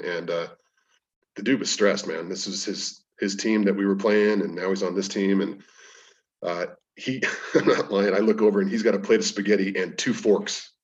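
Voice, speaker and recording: Brief: a lower-pitched man, a podcast guest, anecdotal and loose, restarting sentences; heard from a distance. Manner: rambling, anecdotal, frequent restarts. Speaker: podcast guest, strength coach. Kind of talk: casual storytelling interview. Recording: distant, dull lo-fi sound.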